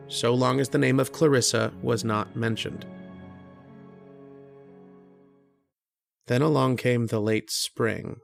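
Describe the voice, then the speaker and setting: The mood turns somber as the actor, lightly acting in a mid-range voice with vocal fry, voices the earnest, kindly, struggling writer. His narration of the old-time radio horror drama stays reflective and hesitant.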